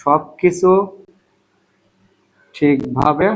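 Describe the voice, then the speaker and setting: A man teaching a spoken language lesson, repeating each word slowly and spelling out sounds. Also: on the high side, rough recording. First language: Bengali.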